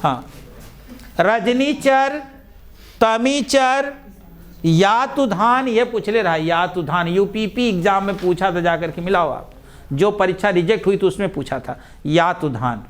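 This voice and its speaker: A male teacher, dictating vocabulary slowly and repeating each word. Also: sits high. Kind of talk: dictation-style Hindi vocabulary lesson.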